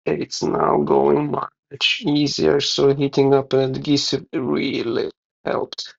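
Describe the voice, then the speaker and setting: Slow, mumbling man thinking aloud. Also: mid-range voice, flat delivery, gravelly. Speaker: DIY video maker. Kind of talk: casual narration over hands-on repair. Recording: somewhat dull, lo-fi sound.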